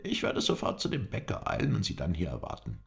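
A man's voice: deep voice, wildly swooping pitch, fast talker, creaky, pitched above the performer's own voice, exaggerated voice. A man voicing a fawning, eager male house watchman who is keen to please.

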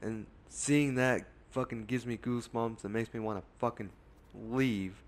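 Jumpy, swearing young gaming commentator. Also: male voice, medium pitch, steady tone, unhurried. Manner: jumpy, swears a lot, yells when startled. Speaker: gaming YouTuber. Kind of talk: casual gameplay commentary.

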